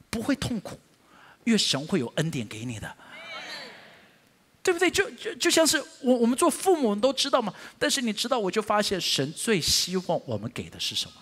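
A man preaching a sermon as a pastor, shifting abruptly into high, emphatic bursts. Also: slightly rough. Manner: animated preaching, sudden climbs to high emphatic pitch.

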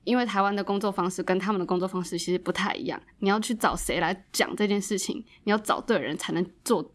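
A woman co-hosting a casual podcast, calmly explaining how work differs between places. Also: medium pitch, quick pace. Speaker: podcast co-host.

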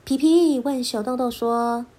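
A woman storyteller narrating a children's storybook in an expressive, lilting voice. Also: on the high side. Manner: expressive, lilting, slow and clear.

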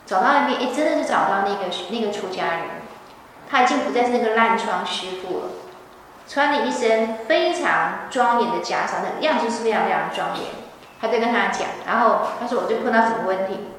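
A woman's voice: a little high, expressive, brisk, fairly bright tone, slight background noise. A woman giving a scripture lecture, telling the story animatedly. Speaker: religious teacher. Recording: echoey hall from far off.

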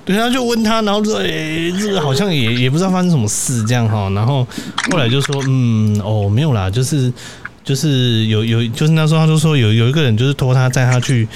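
A young podcast host tells college stories in a casual, rambling chat, restarting often, tossing in tag questions and laughing a lot. He talks fast at a medium pitch with lively intonation, and there's background noise.

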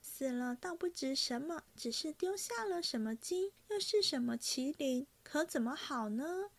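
A woman doing a delicate sharp-tongued young lady. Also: high voice, animated, normal speed, pitched above the performer's own voice. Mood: reproachful. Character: young noblewoman, fragile, sharp-tongued, teasing.

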